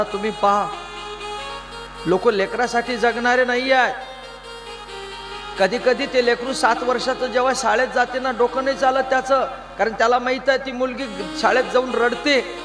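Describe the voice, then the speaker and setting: Impassioned high-voiced preacher. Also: male voice. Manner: impassioned, rhetorical, addressing listeners as brothers. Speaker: kirtan preacher. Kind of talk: devotional kirtan sermon. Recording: with live musical instrument accompaniment.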